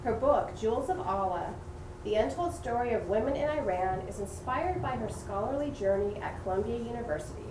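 A woman introduces speakers at a bookstore event, reading from a sheet. Her voice sits a bit high and carries across a roomy space. It is picked up from some distance, with clear room noise. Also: expressive, a little fast. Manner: reads from paper, stumbles over names.

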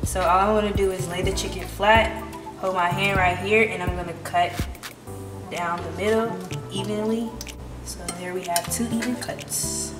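A woman's voice: medium pitch, steady tone, normal speed. A woman chef giving a step-by-step cooking demonstration in a home kitchen. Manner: instructive, step-by-step. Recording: roomy distant camera audio with loud music. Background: loud background music.

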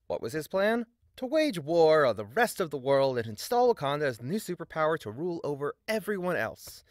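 A man narrates a scripted video essay briskly, his pitch very animated. Sardonic and emphatic, he slips in dry asides, recorded close and dry with little room sound and no echo.

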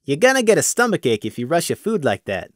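A man's voice: fairly high pitch, huge pitch swings, quick pace, no echo, studio quality, voice pushed up. A man voicing an adult male pony guard with an easygoing, teasing manner.

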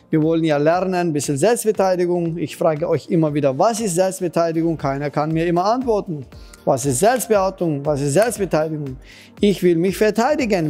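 A man's voice: high voice, warm tone. A man, a martial arts trainer, talking directly to children in simple, slightly broken phrasing, patient and repetitive as he demonstrates moves. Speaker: Krav Maga kids' trainer. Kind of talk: instructional talk to children.

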